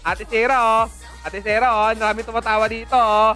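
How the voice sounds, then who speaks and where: A woman's voice: fairly high pitch, flat delivery, brisk, a bit bright. A woman hosting a livestream game commentary, playful and teasing, laughing often. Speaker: esports stream host. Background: background music.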